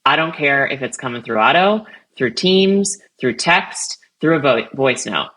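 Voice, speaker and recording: Bright, emphatic woman guest. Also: rumbling low, poor audio. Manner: energetic, emphatic, quick bursts. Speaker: guest, CRM vice president. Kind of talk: podcast interview.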